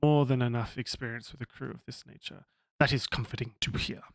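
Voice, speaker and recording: A man's voice: medium pitch, fairly even intonation, fairly quick, vocal fry, no echo. A man with an Australian accent voicing a stern, formal male science officer in a video game, speaking in a clipped and officious way.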